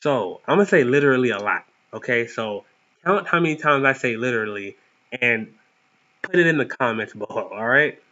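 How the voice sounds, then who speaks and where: Medium in pitch, animated and at normal speed, this sharp-toned voice belongs to a young vlog host with a lisp. Through dull lo-fi audio, he motivates his viewers playfully and earnestly, punctuated by cocky emphasis.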